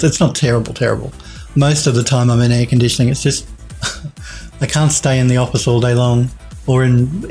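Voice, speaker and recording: A rambling Australian man in his forties talks to his live-stream viewers from a home desk, his voice sitting at an ordinary middle pitch. He drifts through restarts and small laughs as he answers comments. Faint music plays quietly underneath. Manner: rambling, chatty, many restarts and chuckles. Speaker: 3D modelling streamer.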